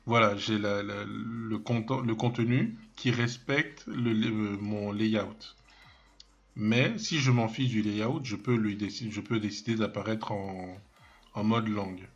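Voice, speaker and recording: A man giving a software tutorial, hesitant and full of fillers and restarts, thinking aloud as he clicks, with self-mocking asides. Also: fairly low pitch, steady tone, takes it slowly, dull audio. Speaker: web development trainer. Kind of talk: screen-recorded software tutorial.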